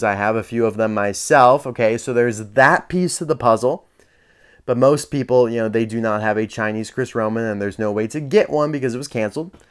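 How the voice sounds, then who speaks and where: A man's voice: medium pitch, clear, resonant tone. A man chatting casually as he unboxes and reviews collectible toy cars, candid and dryly sarcastic.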